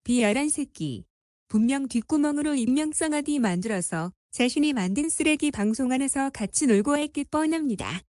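A woman's voice: high voice, expressive, moderate pace, darkish tone, dry recording, studio quality. A woman reading scripted voice-over commentary in a scornful, mocking tone. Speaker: commentary narrator.

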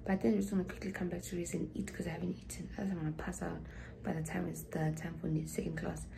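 Racing along with vocal fry in a low-side voice that barely shifts in pitch, a young adult South African student vlogger chats to her arm's-length phone camera in a small dorm room. She rambles and whispers asides while crowd noise fills the background.

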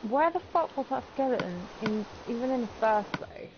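Woman rambling and cussing at a game on stream, bit of fry in the voice, lo-fi noisy audio. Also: a little high, lively intonation, normal speed. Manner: chatty, swears at the game. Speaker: gaming streamer. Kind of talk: live gameplay commentary.

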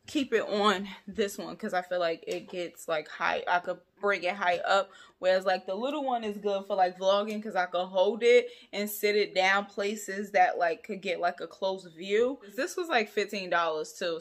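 A young woman talks straight to her viewers in a loose, chatty vlog. Her voice is bright and forward, with playful asides and lively emphasis. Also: mid-range voice. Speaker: vlogger. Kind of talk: casual vlog chat to camera.

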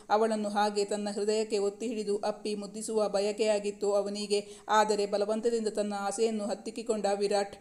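A woman narrating a romance novel in a measured, literary storytelling manner. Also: mid-range voice, dark tone.

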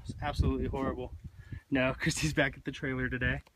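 Filming himself with a handheld camera held at arm's length, a man in his thirties hosts a family vlog on a canyon hiking trail, joking around informally. His voice is medium-pitched and level, he talks fast, and the audio is very noisy.

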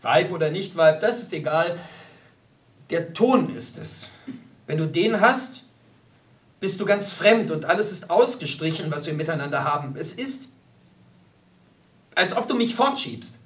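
A man's voice: a little high, expressive, a little slow, long pauses, a bit bright, far from the mic. A man playing an earnest young painter. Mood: hurt. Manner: earnest, lecturing. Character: earnest young male painter, proud and touchy. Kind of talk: audiobook character voice.

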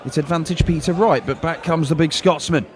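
Male darts play-by-play voice, higher than average, noisy arena behind. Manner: measured, analytical play-by-play. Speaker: darts commentator. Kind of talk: live sports commentary. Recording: loud arena crowd and noise behind.

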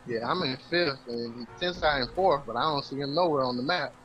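A man's voice: mid-range voice, a little fast, fairly bright tone, dull audio, slight background noise. A man on a livestream headset mic, ribbing his friends in casual gaming chat. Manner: teasing, laid-back ribbing. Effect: livestream headset mic audio. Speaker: gamer in party chat.

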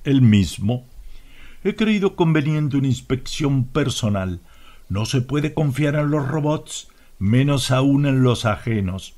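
A man's voice: medium pitch, animated, slow, a little mellow, pitched above the performer's own voice. A man with a Latin American Spanish accent voicing a stern, suspicious inspector in an audiobook. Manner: curt, disapproving.

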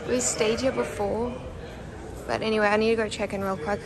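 A young woman in her twenties talking casually to her viewers in an excitable, chatty travel vlog, full of "like" and "guys". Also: mid-range voice, a little fast, a loud crowd, low-quality recording. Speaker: vlogger.

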